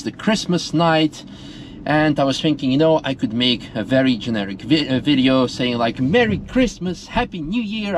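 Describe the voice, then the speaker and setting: A man's voice: fairly high pitch, a little hiss or hum, poor audio. A man from Russia speaking earnestly in a casual, rambling monologue full of fillers and restarts. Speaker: vlogger.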